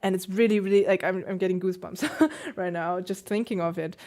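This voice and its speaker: A woman's voice: fairly low pitch, a little fast, darkish tone. Chatty woman pianist hosting a livestream. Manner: chatty, laughs often, answers chat questions. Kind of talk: casual livestream chat.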